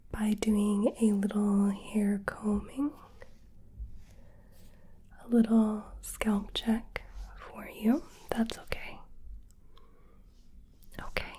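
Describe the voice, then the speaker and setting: A woman ASMR creator whispers gently in a fairly high pitch during a caring personal-attention roleplay. Hay fever leaves her voice a little hoarse and sniffly.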